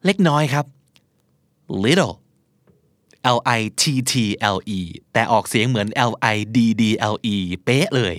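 A man hosting a podcast, teaching pronunciation by slowly repeating words and example sentences. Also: medium pitch, lively intonation, dry recording, clean studio sound. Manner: slow, clearly drilled word repetitions.

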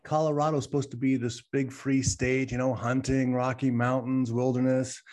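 A man's voice: medium pitch, level tone, moderate pace, a little mellow. A man co-hosting a talk show, arguing his point emphatically with lots of rhetorical questions. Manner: emphatic, rhetorical, keeps asking "right?". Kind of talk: opinionated casual talk.

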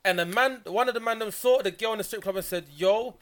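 A fast-talking man with a high voice and a London roadman accent. He co-hosts casual podcast banter in slangy street talk, hammering his points through repetition. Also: a bit bright. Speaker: podcast co-host.

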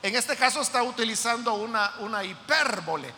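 A man's voice: very high voice, lively intonation, brisk, sharp tone, in a large hall, slight background noise. A man preaching a sermon, explaining scripture to his congregation and checking in with rhetorical questions. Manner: explains with repeated rhetorical "¿verdad?" and addresses listeners as brothers. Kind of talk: sermon teaching on a psalm.

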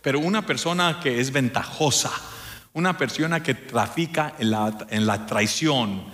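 A male pastor delivers a sermon to his congregation. He preaches emphatically, often calling out to the listeners, and sometimes slips English words into his speech. His voice sits at an ordinary middle pitch for a man. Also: a little slow, fairly bright tone. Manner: drops English words into Spanish.

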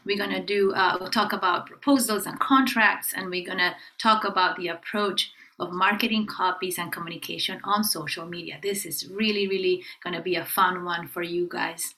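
A woman co-hosting a podcast in casual chat, enthusiastic and upbeat, listing topics in quick runs. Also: fairly low pitch, fairly even intonation, bright, forceful tone, poor audio. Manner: enthusiastic, upbeat, talks in rapid lists. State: clearing her throat, voice catching. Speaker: podcast co-host.

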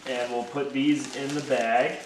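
Speaking at a medium pitch with a flat delivery, a small business owner slowly explains how he packs orders, one step at a time, in a casual and thankful way. He sits a bit away from the mic in an echoey room, and faint noise can be heard.

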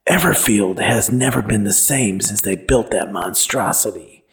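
A man voicing a disturbed, mournful old man who mutters in a low voice. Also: measured pace, vocal fry.

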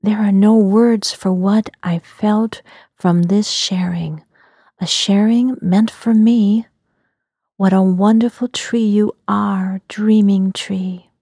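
Breathy, whispering woman storyteller. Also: mid-range voice, warm tone, dry recording, studio quality. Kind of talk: whispered ASMR-style story narration.

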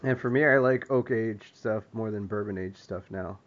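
A man's voice: on the low side, normal speed. Laid-back man on a dull podcast mic. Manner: laid-back, laughs easily, swears. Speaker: podcast co-host. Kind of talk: casual chat.

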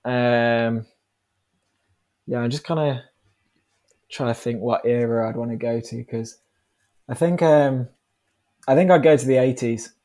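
Laid-back young British guy, medium pitch. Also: measured pace, long pauses, mellow. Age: 20s. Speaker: podcast guest, professional cyclist. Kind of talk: casual chat.

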